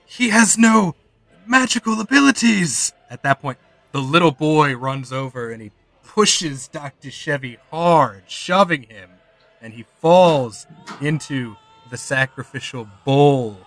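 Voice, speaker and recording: A man acting as game master, improvising horror game narration in a halting way, often repeating words. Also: mid-range voice, dry recording.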